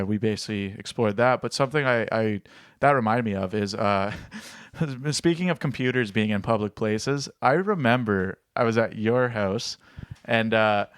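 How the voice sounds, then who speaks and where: A man's voice: mid-range voice, clear, resonant tone, no room sound, clean studio sound. A man chatting casually as a co-host, telling anecdotes in an informal, rambling way peppered with "like".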